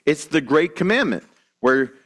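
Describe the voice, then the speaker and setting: A man's voice: on the high side, very animated, moderate pace, a bit bright. A man preaching a sermon to his congregation, earnest and emphatic, with restarts and asides. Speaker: pastor.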